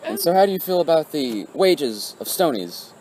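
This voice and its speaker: Man acting as mock news host, halting delivery, lively intonation, noisy homemade recording. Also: fairly high pitch, reverberant. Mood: inquisitive. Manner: halting, pauses mid-sentence. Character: laid-back male anchor of a spoof amateur newscast. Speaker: host and interviewer. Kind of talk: mock news presenting and interviewing. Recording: noisy amateur recording, background hum.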